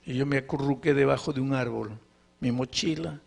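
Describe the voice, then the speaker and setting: Gravelly-voiced man telling a sermon story. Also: moderate pace. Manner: dramatic storytelling, rising to high, anguished questions. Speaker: pastor. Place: live sermon before a congregation.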